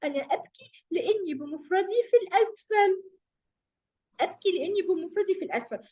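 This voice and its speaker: A woman's voice: extremely high pitch, expressive, fairly quick, voice pushed up. A woman voicing the kasra vowel mark as a lonely little character who is crying, in a storybook tale for children told over a dull online class connection. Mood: tearful. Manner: whimpering, sad.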